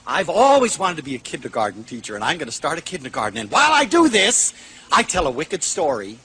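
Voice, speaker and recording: A man's voice: a little high, huge pitch swings, quick pace, pushed and bright, husky, full character voice. A man voicing a cheerful woman who offers to look after stranded travelers' children. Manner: friendly, offering help. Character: cheerful helpful woman at an airport.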